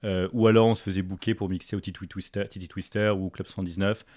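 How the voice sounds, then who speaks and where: A young man from Paris talks in a relaxed podcast chat, full of fillers and restarts. His voice sits very low and his words come quickly. The recording is dry and close. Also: no room sound. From Paris, France. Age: young adult. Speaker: podcast guest, entrepreneur. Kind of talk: casual interview chat.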